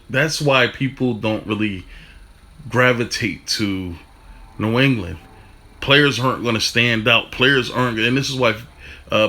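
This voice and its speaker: A man talking fast in a casual football rant, stumbling over restarts and swearing casually. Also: fairly low pitch, sharp tone. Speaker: football fan commentator.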